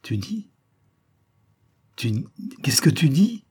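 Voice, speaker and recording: A soft-spoken, timid father, read by a man in a low, mellow voice with a husky edge. His replies in this storybook reading come quiet and meek. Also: fairly even intonation, brisk. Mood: stunned. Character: gentle, timid middle-aged father.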